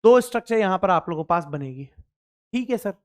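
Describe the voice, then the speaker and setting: Guy teaching chem, smooth clear voice, keeps asking the class stuff and answering it himself. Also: high-pitched, expressive, moderate pace, darkish tone. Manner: repeats each point and asks students questions, answering them himself; speaks for the student too, addressing himself as sir. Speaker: chemistry teacher. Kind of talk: classroom-style lecture.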